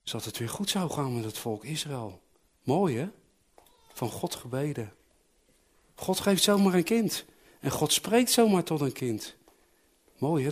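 A man tells a Bible story to children, with a voice pitched a little higher than most men's. He asks his young listeners questions and keeps his telling animated, putting on voices for the people in the story.

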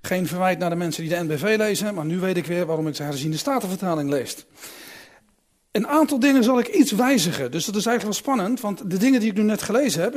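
Guy reading bible and chatting about it, high voice, bouncy, thinks out loud. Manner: lively, musing, with restarts.

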